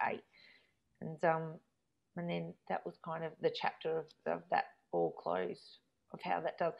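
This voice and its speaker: A guest, an Australian woman in her thirties, candidly tells a personal story and acts out arguments she remembers. Her voice is low and gravelly, and the recording has a dull lo-fi sound.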